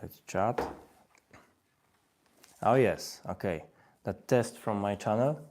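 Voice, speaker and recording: Hosting a language-learning webinar stream, this Polish-accented man in his thirties repeats phrases and nudges viewers to leave comments. His pitch is fairly low, his speech slow and darkish in tone, with a little hiss or hum on the recording.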